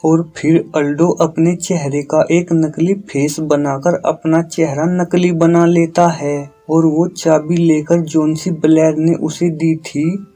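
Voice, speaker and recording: A man narrating a film plot in a scripted movie recap, with an even, unhurried delivery. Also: a little high. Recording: soft guitar music underneath.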